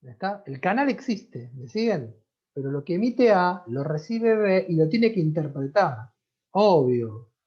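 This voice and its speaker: Speaking a little slowly, with big pitch swings and a slightly rough, medium-pitched voice, a Rioplatense-accented teacher runs a conversational online class and keeps checking in with students. The sound comes through a video-call computer mic, dull and lo-fi.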